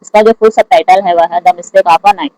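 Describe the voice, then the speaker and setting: An exam prep teacher who reads each English question aloud slowly and then explains the answer in Hindi. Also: mid-range voice, fairly even intonation, a little mellow, dry recording, rough recording. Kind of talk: lecture solving exam questions.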